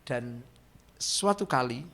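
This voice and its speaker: A male pastor preaching a sermon, telling a personal story to the congregation, dropping soft and then rising to loud emotional peaks. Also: mid-range voice, expressive, slow pace. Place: church.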